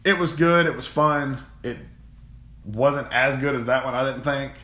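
A man's voice: mid-range voice, a little slow, sharp tone. Rambling man in an echoey room. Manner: rambling, enthusiastic, repeats words. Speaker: co-host of a gaming channel. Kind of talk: casual chat. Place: home room, games on the shelf behind.

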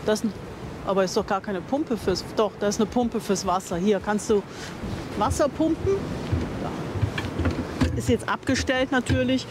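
This older woman's medium-pitched voice moves at normal speed but pauses often, with background noise present. She's vlogging an enthusiastic, chatty outdoor campsite tour on camera, musing aloud and correcting herself as she goes.

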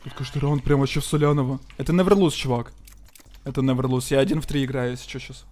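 A man doing casual live gameplay commentary as a streamer, slangy, profane and excitable, thanking donors. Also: medium pitch, fast talker. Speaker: game streamer.

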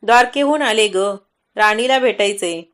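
Cranky old beggar granny in a storybook, low voice, scolding, woman doing the voice. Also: moderate pace, a bit bright, natural voice. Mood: indignant. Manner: coughing now and then, speaks low. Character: poor old beggar woman, angry, proud.

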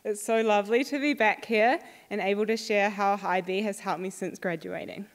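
A woman's voice: mid-range voice, steady tone, normal speed. A young woman with a New Zealand accent giving a friendly, upbeat prepared talk to a school audience. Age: young adult. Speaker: alumna speaker. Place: school hall. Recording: long hall reverb.

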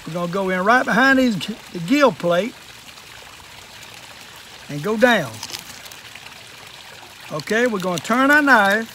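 At a table in a wooded yard, a Southern US man in his 60s or older demonstrates fishing and fish cleaning in a casual, hands-on way, talking like a plainspoken old fisherman. His high-pitched voice is animated, bright and forceful, yet unhurried, with long pauses. There's slight background noise.

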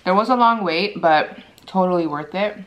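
A woman's voice: lowish voice, moderate pace, a bit bright, a little hiss or hum, rough recording. A woman in her thirties chatting casually between bites as she crunches chips and chews, like a mukbang vlogger in a living room. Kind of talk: casual chat while eating.

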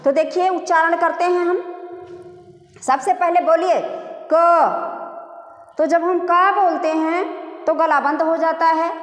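Brief: middle-aged woman teacher, very high voice, repetitive classroom questioning, roomy reverb. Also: steady tone, faint music behind. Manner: repetitive, asks and answers own questions; drawn-out demonstration vowel sounds. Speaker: Hindi grammar teacher. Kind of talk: classroom-style lesson. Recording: echoey room reverb.

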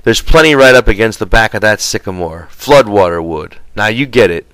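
A man's voice: lowish voice, lively intonation, fairly quick, a bit bright, no echo, low-quality recording. A man voicing an angry, exasperated, bullying drifter with folksy, ungrammatical speech in an audiobook. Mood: gruff, demanding. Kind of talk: audiobook character dialogue.

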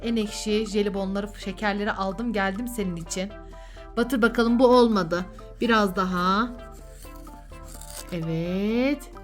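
A woman's voice: medium pitch, unhurried, pauses often, faint music behind. A woman hosting a children's vlog as a mother, chatting playfully and coaxing with sing-song questions. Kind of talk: playful casual chat with a child and viewers.

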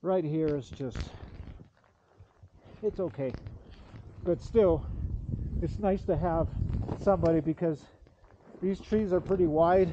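A man's voice: a little high, muffled recording, noisy background. A man narrating to himself while skiing through a snowy forest, filmed on a pole-mounted action camera, with breathless running commentary and cursing at branches. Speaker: backcountry skier filming himself.

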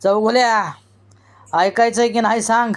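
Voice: mid-range voice, steady tone, measured pace, close to an everyday voice. A reader voicing a brave, protective young village man in an audiobook reading, firm and stern. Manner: firm, rising to anger.

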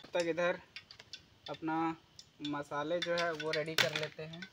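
A man's voice: on the high side, flat delivery, measured pace, heavy background noise. A young man from India chats to viewers while camping and cooking outdoors in a forest. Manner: chatty, addresses viewers as guys. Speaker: camping vlogger. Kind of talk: casual vlog narration.

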